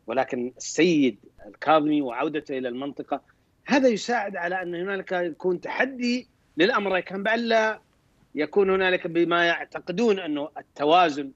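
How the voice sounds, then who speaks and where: Man, military commentator on a talk show, rapid, hesitant with restarts; somewhat high voice over a dull, dry remote link. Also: dry recording. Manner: hesitant, many restarts and throat clearing. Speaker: military expert guest.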